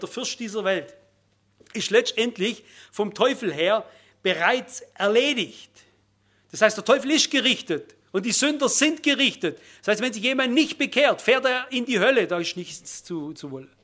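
A man preaching a sermon on scripture, earnest and emphatic, dropping to a low murmur and then stressing words loudly. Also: expressive, normal speed.

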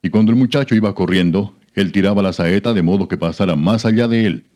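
Deep-voiced man reading scripture solemnly. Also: darkish tone. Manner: measured, solemn narration without fillers. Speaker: scripture reader.

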